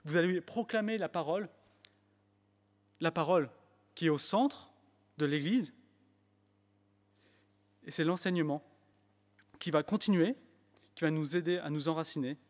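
A man's voice: on the high side, unhurried, pauses often. English-accented man preaching in a hall. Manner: animated preaching, rising emphasis, frequent fillers and restarts. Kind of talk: sermon. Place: church hall. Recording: long church hall reverb.

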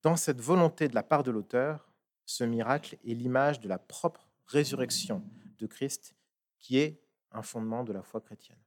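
A man reading a passage aloud and then preaching on it in a measured, emphatic way. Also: medium pitch. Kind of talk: sermon with scripture reading.

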